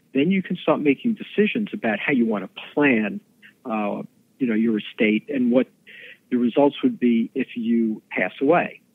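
A man, an attorney guest on a podcast, explaining legal matters quickly with many fillers and restarts. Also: mid-range voice, vocal fry, husky, no echo. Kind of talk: podcast interview explaining law. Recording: tinny phone-like line.

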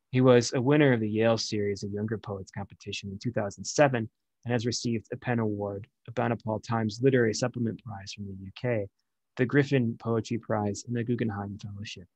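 A young man introduces a bookstore's online reading from notes, pausing now and then on small fillers. His voice is low-pitched and husky. It sounds dry and close on his video-call headset. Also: dry recording, rough recording. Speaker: bookstore event host. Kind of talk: scripted event introduction.

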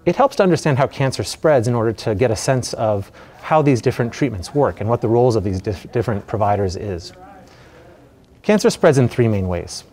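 An American man in his thirties giving a measured, explanatory medical lecture, his voice slightly muffled by a mask over his mouth. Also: mid-range voice, expressive, a little mellow. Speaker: radiation oncologist giving a lecture. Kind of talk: educational medical presentation. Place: indoor presentation room. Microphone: lapel mic.

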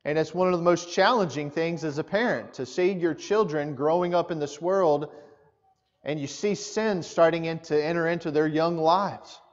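A man's voice: a little high, normal speed. A man preaches a sermon to his congregation. He speaks conversationally and asks the people direct questions. The sound is muffled, and a long reverb hangs in the church hall. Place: church sanctuary.

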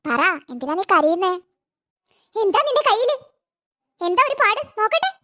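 A woman's voice: very high-pitched, big pitch swings, normal speed, sharp tone, heavily acted. A doting old cartoon grandmother. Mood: searching, worried. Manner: tender with the child, scolding toward her daughter-in-law. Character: doting old grandmother, protective and sharp-tongued. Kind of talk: animated cartoon dubbing.

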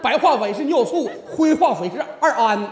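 A man's voice: very high-pitched, expressive, moderate pace, a loud crowd. A man performing a stage comedy sketch, stuttering and pleading in a hurry. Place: large studio stage with audience. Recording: roomy echoing stage hall, audience noise.

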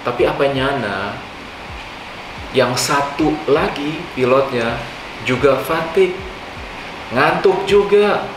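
An older man, a channel host, explaining aviation incidents to the camera in an animated way, often dropping English aviation terms into his talk. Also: medium pitch, takes it slowly, pauses often. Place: living room on a leather sofa, indoors. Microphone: far camera mic. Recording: echoey room, distant mic, hum.

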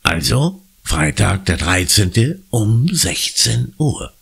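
A man voicing a genial, amused drama teacher in an audiobook, in a measured tone. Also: fairly low pitch, very animated, gravelly, fairly bright tone, breathy edge, voice pushed up, full character voice. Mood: announcing.

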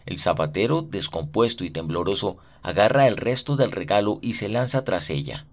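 A man narrating a short story for radio in a dramatic, expressive reading. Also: fairly low pitch, moderate pace.

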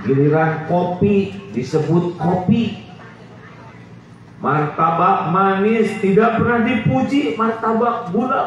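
A middle-aged man preaches slowly on an outdoor stage, fairly high-voiced and full of teasing questions for his listeners. His microphone voice comes through a PA system, so it sounds distant, echoey and dull. A faint hiss of noise sits underneath. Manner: lively, jokey, asks the crowd questions. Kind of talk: outdoor sermon. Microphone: handheld mic, far camera.

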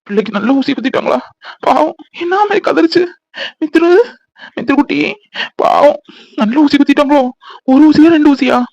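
A soft-hearted young father, voiced by a man, frets and pleads tearfully in a cartoon. The voice is high and quick with a gravelly edge. It sounds close and dry, with slightly dull sound. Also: dry recording. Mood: fretful. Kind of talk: cartoon voice acting.

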